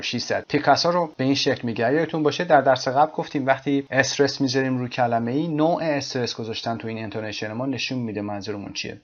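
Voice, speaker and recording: Man, English teacher, slow repeated phrases, middle pitch, dull lo-fi recording. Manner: repeats phrases slowly, then explains them. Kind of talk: language lesson explaining a text.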